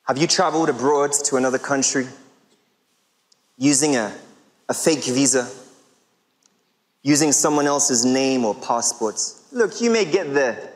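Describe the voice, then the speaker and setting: A man in his thirties preaching in a large church hall, with a lively, swooping delivery and a slightly high voice. He speaks slowly and deliberately, stretching out key phrases, and his words ring with the long reverb of the big hall. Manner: emphatic, rhetorical questions, drawn-out pauses. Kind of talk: sermon.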